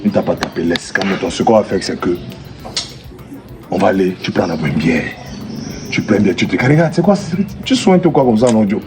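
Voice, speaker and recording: An actor with a Cameroonian French accent playing an excitable man who defends his brother and keeps repeating orders to calm things down. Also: low voice, a little fast, music in the background. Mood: placating. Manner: repeats commands, swings between pleading and shouting. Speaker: actor in a comedy sketch. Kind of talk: comic sketch acting.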